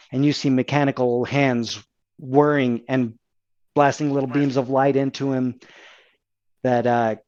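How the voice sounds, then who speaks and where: A man's voice: medium pitch, a little mellow, lo-fi sound. A man narrating as game master of a tabletop game, describing scenes with fillers and self-corrections.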